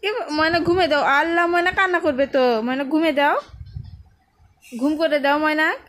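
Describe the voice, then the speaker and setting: A woman with a Bangladeshi Bengali accent, a mother coaxing her toddler with gentle, repetitive questions at home. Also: high voice, moderate pace, a little hiss or hum. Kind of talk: home vlog baby talk.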